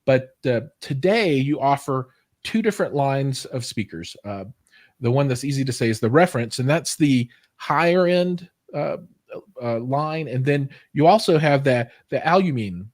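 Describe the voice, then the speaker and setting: A man's voice: medium pitch, lively intonation, normal speed, a little mellow. An American man hosting an interview, asking chatty, friendly questions with fillers. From United States. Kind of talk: casual interview.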